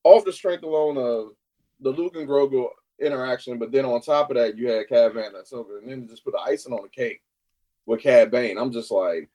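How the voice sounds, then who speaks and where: A man co-hosting a casual podcast chat, talking excitedly and swearing now and then. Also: mid-range voice, a little fast, low-quality recording. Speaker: podcast co-host.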